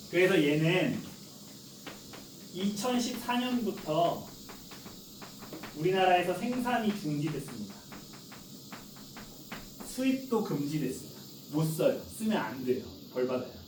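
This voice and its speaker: A man's voice: a little high, a little hiss or hum. A man in his forties teaching a class in a classroom, chatty, often asking students questions and answering them himself. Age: 40s. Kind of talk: classroom lecture. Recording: echoey classroom from far off.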